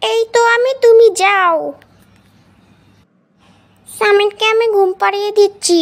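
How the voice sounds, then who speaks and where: A woman's voice: very high voice, fairly even intonation, unhurried. A woman voicing a caring mother in a children's cartoon, speaking soothingly to her son. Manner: soothing, reassuring.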